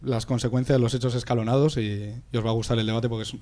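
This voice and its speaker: Playful young Spanish co-host. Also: male voice, medium pitch, steady tone, fast, darkish tone. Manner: playful, repeats phrases, jokes. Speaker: podcast co-host. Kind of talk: casual chat.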